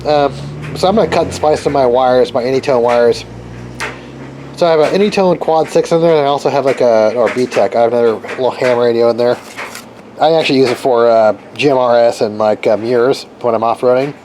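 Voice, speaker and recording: A hobbyist video maker demonstrates car radio gear in a casual hands-on explainer, thinking aloud informally as he tinkers. His mid-range voice moves fairly quickly, with vehicle and ambient noise clearly audible behind him.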